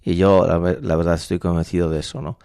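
A man in his sixties from La Mancha in Spain, a priest, speaking thoughtfully with frequent pauses in a radio studio interview. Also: sits low, level tone, creaky, dark tone, dry recording. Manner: thoughtful, measured, with frequent hesitations. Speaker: priest and university rector. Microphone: studio microphone.

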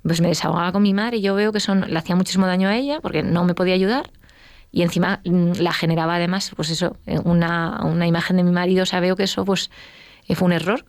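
Fast-talking gravelly woman. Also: lowish voice, no echo, studio quality. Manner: lively storytelling, acts out quoted dialogue. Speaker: interview guest. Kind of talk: personal testimony.

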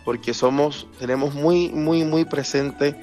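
A man's voice: fairly high pitch, takes it slowly, darkish tone, soft background music. A Venezuelan man, a parish priest, speaking earnestly as a guest in a remote radio interview and repeating words for emphasis.

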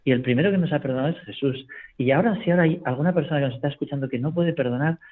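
Priest on a phone line. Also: male voice, on the high side, racing. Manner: storytelling, constant tag question "¿no?". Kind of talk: reflective spiritual talk on radio.

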